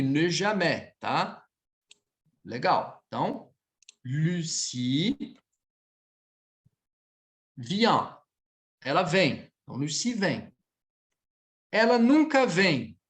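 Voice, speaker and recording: A man with a Brazilian Portuguese accent teaching French in an online lesson, drilling words slowly and checking in often with his students. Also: high-pitched.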